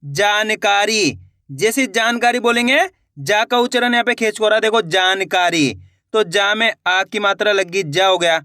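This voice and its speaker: A man's voice: sits high, bright, forceful tone, no echo, clean studio sound. A man teaching Hindi spelling, sounding words out syllable by syllable, repeating each word and asking his viewers questions. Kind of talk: slow, syllable-by-syllable spelling lesson.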